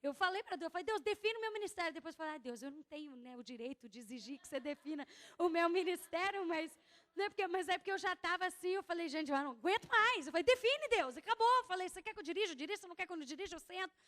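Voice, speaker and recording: A woman pastor giving an animated testimony sermon in church, acting out her own conversations as she tells the story. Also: very high voice, racing. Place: church hall. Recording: long hall reverb.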